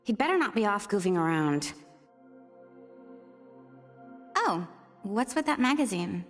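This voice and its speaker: A young American woman voicing a bossy, impatient, sharp-tongued student in a video game. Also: medium pitch, big pitch swings, moderate pace, lightly acted. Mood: annoyed. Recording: long hall reverb. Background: music.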